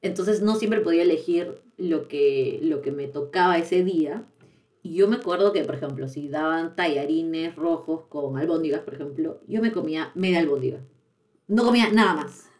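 A woman's voice: low-pitched, normal speed, a little mellow, far from the mic. A young woman, hosting a casual podcast chat and speaking in a chatty, confessional way with frequent laughs. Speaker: podcast host.

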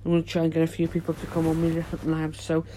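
Even-toned man hosting a podcast. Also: a little high, a little hiss or hum. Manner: informal, halting, unpolished. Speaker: podcast host. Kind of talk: casual solo podcast chat.

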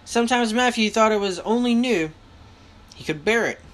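A woman reading a novel aloud with lively delivery, now and then stopping to correct herself. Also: on the high side, normal speed. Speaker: reader.

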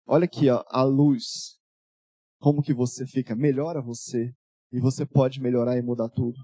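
A man's voice: medium pitch, flat delivery, moderate pace, dark tone, husky, no echo. Man, pastor, fervent sermon, dramatic storytelling, dry sound.

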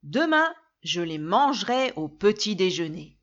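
A huge, hungry man-eating giant booms out slow, heavy threats, as a woman puts him on. His voice swings up and down a lot. The sound is dull and lo-fi, like an old storybook recording. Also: sing-song, fairly bright tone. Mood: menacing.

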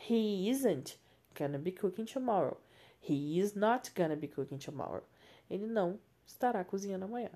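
A Brazilian woman teaching English grammar on a podcast, with a voice of middling pitch. She explains patiently and repeats each example sentence slowly and carefully. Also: dark tone. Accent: Brazilian Portuguese.

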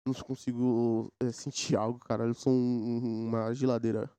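This São Paulo podcast host, a man in his 20s, drifts between topics in slang on his casual solo show. He speaks at normal speed with a flat, mid-range delivery and a dark yet clean tone, with no echo. He records at home near a mechanical keyboard, going through a sound card.

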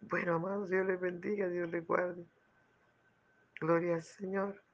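A man preaching a sermon with fervent exclamations and hushed asides. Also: sits high, little pitch movement, measured pace, lo-fi sound. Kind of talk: sermon with a retold parable.

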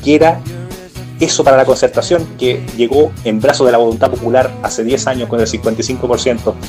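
Un hombre con acento chileno conversa de política en un pódcast, con muchas pausas y frases que se reinician. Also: male voice, mid-range voice, fairly even intonation, a little mellow, soft background music. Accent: Chilean Spanish. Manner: rambling, many restarts and fillers. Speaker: political podcast co-host. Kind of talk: casual political chat.

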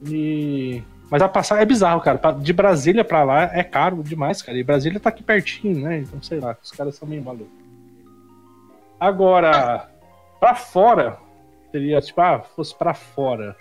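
A man's voice: fairly high pitch, animated, moderate pace, faint music behind. A Brazilian man with a Brazilian Portuguese accent chats casually on a podcast, slangy and full of tag questions.

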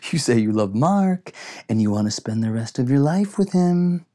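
A man's voice: medium pitch, lively intonation, normal speed, mellow, voice pushed up, lightly acted. A man reading an audiobook, voicing the mocking inner voice of a young party boy. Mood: taunting. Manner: mocking, needling. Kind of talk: audiobook narration.

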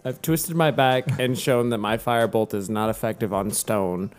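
A man's voice: medium pitch, steady tone, moderate pace, clean tone. A man playing a tabletop game, slipping casually into joking in-character banter. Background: music.

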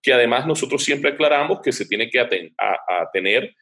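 A man's voice: mid-range voice, lively intonation, a little fast, pushed and bright. A man speaking as an interview guest, an advertising director explaining his work at length, thinking aloud with frequent hesitations.

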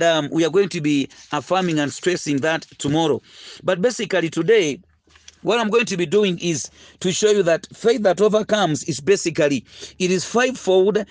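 A man preaching a sermon, earnest and halting, full of fillers and repeated words. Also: sits high, dry recording. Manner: earnest, slows to stress key phrases. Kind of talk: recorded sermon teaching.

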